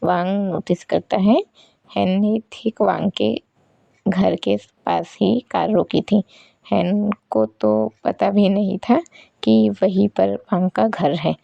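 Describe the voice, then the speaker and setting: A woman narrating fan fiction aloud in a plain, steady way. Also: mid-range voice, slow pace, gravelly, dry recording. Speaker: storyteller. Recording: slightly muffled lo-fi recording.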